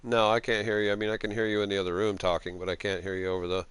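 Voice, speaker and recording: A man streaming a video game live, chatting casually and halting with fillers while he sorts out a friend's microphone. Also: lowish voice, monotone, a bit bright, a little hiss or hum.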